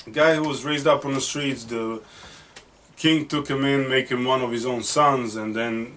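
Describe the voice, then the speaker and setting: A man co-hosts a casual movie podcast, talking eagerly and frequently over his co-host. His voice is medium-pitched with a fairly bright tone. The mic is distant and picks up faint noise.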